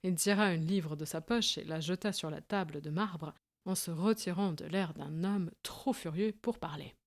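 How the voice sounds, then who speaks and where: A woman narrates a classic detective story in a steady, clear reading voice. Her pitch sits a little low for a woman. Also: moderate pace. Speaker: audiobook narrator. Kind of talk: scripted narration.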